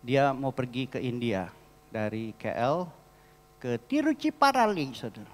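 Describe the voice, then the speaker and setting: A man preaching a storytelling sermon as a pastor, lively and often calling out to the congregation. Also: mid-range voice, a little slow. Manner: lively, addresses the congregation as "saudara". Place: large church hall. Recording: long church hall reverb.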